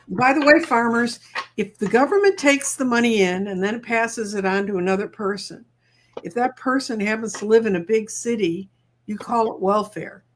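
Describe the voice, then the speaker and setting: A woman's voice: mid-range voice, a little hiss or hum. A woman co-hosting a casual live chat, talking at length in a wry, opinionated way. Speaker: co-host.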